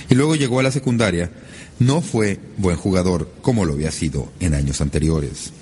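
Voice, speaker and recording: Lively low-voiced man preaching a sermon. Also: slight background noise. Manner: lively, emphatic preaching with sudden rises in pitch. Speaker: pastor.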